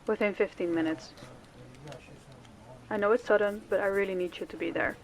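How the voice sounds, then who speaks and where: In a scripted audio roleplay, a woman plays a stern female crime boss running her department heads, commanding and businesslike. Her medium-pitched voice is lightly acted, with fairly even intonation and a moderate pace.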